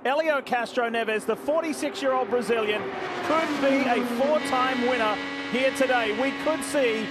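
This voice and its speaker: A man's voice: extremely high pitch, normal speed. A man giving live motorsport commentary as lead announcer, with a dramatic, urgent play-by-play delivery. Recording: loud engine roar behind. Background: race cars and track noise.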